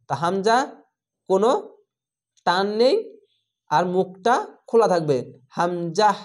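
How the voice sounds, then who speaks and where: A Quran teacher gives an online reading lesson. The voice sits at a middle pitch and moves slowly, repeating each letter sound and holding the long vowels. The teacher explains each point patiently, one step at a time. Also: a little mellow.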